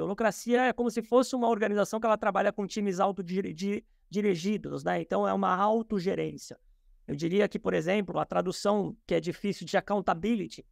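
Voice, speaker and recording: Male guest from Brazil, gravelly and dry, thoughtful explainer on a video call. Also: sits high, dry recording. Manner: thoughtful, many fillers and restarts. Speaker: podcast guest. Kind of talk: explanatory interview talk. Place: his office.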